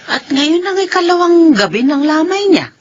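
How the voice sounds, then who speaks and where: An actress playing a gentle elderly mother and grandmother in a radio drama, with a Filipino accent. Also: very high-pitched, sing-song, normal speed. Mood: solemn. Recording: dull lo-fi radio drama broadcast.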